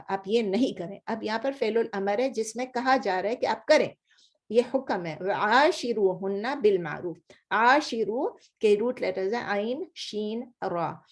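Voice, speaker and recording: Woman, scripture teacher, slow and deliberate, repeats and glosses each word. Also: medium pitch, a little mellow. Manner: explains slowly, repeating words and glossing them in English; mixes Hindi-Urdu with English and Arabic recitation. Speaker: Quran teacher. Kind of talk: word-by-word Quran lesson.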